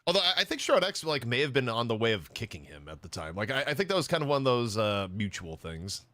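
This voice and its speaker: A man co-casting an esports stream in casual chat, joking and telling animated stories. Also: medium pitch, quick pace, dry recording.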